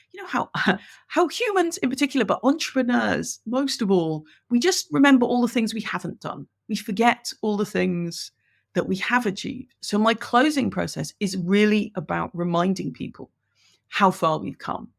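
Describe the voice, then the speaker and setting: This woman, an Irish business coach with an English accent, is a podcast guest who laughs as she explains things in an eager, conversational interview. Her voice is medium in pitch and animated, touched with vocal fry, at a moderate pace.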